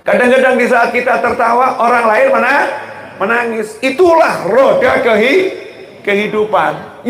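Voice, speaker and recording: A man delivers a sermon to a gathered audience. His voice sits high, and he keeps the talk light with jokes and questions to the listeners. The hall around him rings with echo. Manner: humorous, questions the audience, acts out dialogue. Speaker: preacher. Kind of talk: Islamic sermon to a live audience.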